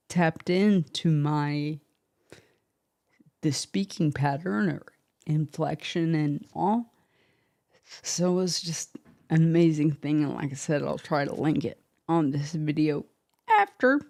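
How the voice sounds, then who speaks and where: A woman's voice: deep voice, warm tone. A young woman chatting casually to her viewers, rambling between thoughts and laughing often. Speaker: vlogger.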